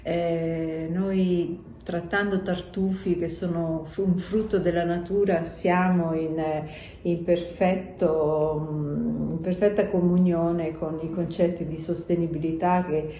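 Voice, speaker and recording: A middle-aged woman, a company president, speaking in a recorded video message with a measured, unhurried delivery and some hesitations. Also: on the low side, flat delivery, mellow. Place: indoor office or room. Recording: echoey room, faint background noise.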